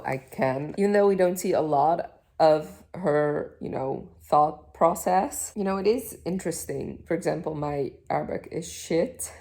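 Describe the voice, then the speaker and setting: Young woman, low-pitched, relaxed home book-vlog chat, meandering with fillers. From Iraq, raised in the Netherlands. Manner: chatty, rambling, lots of fillers and self-corrections. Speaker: book vlogger. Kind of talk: casual chat to camera. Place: at home on a couch.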